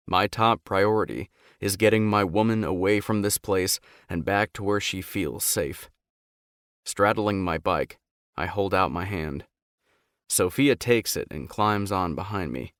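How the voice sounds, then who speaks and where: A man narrating a romance audiobook in the first person, with steady, measured storytelling. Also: low voice, dry recording, clean studio sound.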